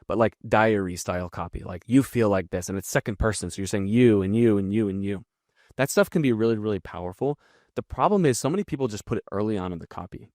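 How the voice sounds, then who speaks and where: A man's voice: fairly low pitch, darkish tone, no room sound, studio quality. A man teaching copywriting in a casual breakdown, talking bluntly and swearing freely. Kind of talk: casual screen-share breakdown.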